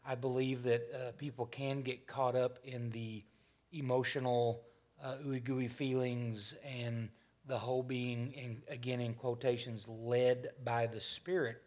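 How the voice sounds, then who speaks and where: Man, 50s, church panel host. Folksy, rambling, mid-pitched, keeps restarting lines. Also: level tone, unhurried, darkish tone. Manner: rambling, self-correcting, folksy. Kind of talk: casual church discussion.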